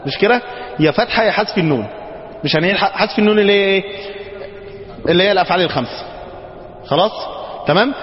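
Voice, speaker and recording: An Egyptian man with a high voice leads a grammar lesson, coaxing his students along and checking again and again that they follow. He is recorded in a reverberant hall. The sound is dull, with faint background noise. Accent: Egyptian Arabic. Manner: checks often with the class, coaxing. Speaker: Arabic grammar teacher. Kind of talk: classroom lesson. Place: mosque teaching hall.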